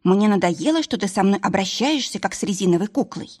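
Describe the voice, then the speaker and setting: A woman's voice: mid-range voice, expressive, fairly quick, darkish tone, breathy edge. A woman reading an audiobook voices a stubborn, tipsy young wife with a pouty, defiant manner.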